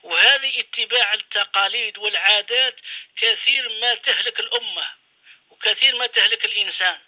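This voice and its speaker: A man's voice: high-pitched, brisk. A man, an imam, preaching a radio sermon, exhorting his listeners with repeated phrases and rhetorical questions. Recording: phone-line radio call-in.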